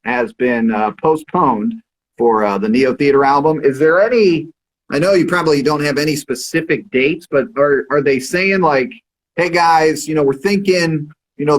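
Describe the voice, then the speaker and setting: A man's voice: on the high side, slight background noise, low-quality recording. A man hosting a casual radio livestream interview, easygoing and full of fillers and agreeing noises. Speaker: radio host.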